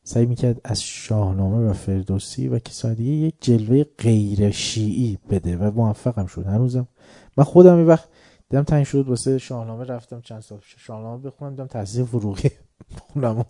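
Brief: male speaker with a deep-toned, warm voice, spinning a lively story with chuckles. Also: no room sound, studio quality. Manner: lively anecdotal telling, chuckling. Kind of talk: storytelling religious talk.

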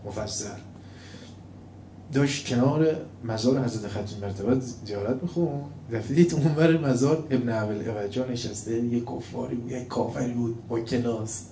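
A man preaching a sermon with told stories, swinging between loud mocking and quiet, calm storytelling. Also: mid-range voice, a little hiss or hum. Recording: echoey room, faint ambience.

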